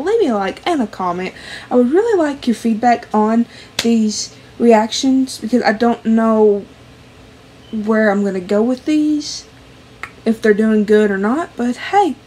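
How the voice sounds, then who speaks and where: A young woman vlogger gushing excitedly as she reacts to a music video in a small bedroom, with the song playing behind her voice. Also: fairly high pitch, slight background noise. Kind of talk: casual reaction commentary. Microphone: webcam at close range.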